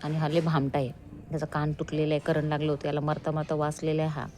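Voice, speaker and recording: A middle-aged woman at home, talking to her pets in a coaxing, scolding sing-song. Her voice sits fairly low, with a light hiss of noise behind it. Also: completely flat delivery, quick pace, mellow. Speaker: pet vlogger. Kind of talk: casual pet vlog chat. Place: home, indoors.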